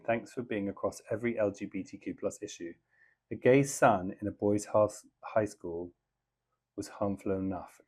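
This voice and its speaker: Podcast host, man, lowish voice, chatty and animated while reading listener letters. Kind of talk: casual chat reading listener mail.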